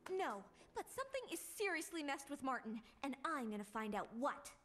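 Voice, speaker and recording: A woman's voice: sits high, big pitch swings, fairly quick. An actress playing a sensible, sarcastic teenage girl. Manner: dry, skeptical remarks. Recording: cartoon soundtrack with music.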